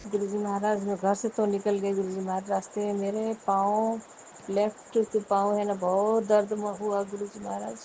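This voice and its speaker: A middle-aged woman tells her guru about her day in homely, rambling devotional talk, addressing him again and again. Her voice is mellow and dark, her pitch stays flat and even, and crickets chirp faintly in the background. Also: normal speed, slight background noise, rough recording.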